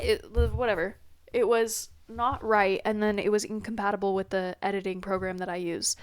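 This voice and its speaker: Her first podcast, recorded on a laptop mic, finds this young woman rambling in a scattered, self-mocking vlog-style chat through a blocked-up nose. Her mid-range voice is smooth, and the sound is clean studio audio without echo.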